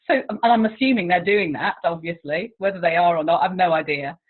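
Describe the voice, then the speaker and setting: Over a tinny, phone-like line, an English languages teacher with a lowish voice chats at moderate pace as an interview guest. She talks freely, downplays herself, and laughs a lot.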